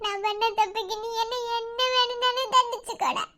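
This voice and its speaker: A woman voicing a tearful young wife in an animated drama, pleading and sobbing. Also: fairly quick. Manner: sobbing, pleading, high-pitched.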